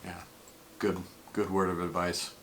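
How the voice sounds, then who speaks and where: Low, flat-voiced man choked up. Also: slight background noise. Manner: rambling, halting, with many fillers. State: emotional, choked up. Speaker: vlog host. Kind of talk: casual tribute vlog talk.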